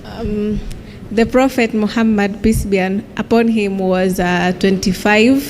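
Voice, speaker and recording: A woman's voice: medium pitch, steady tone, a little slow, darkish tone. A woman in an audience giving a hesitant answer to a speaker. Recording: faint background noise.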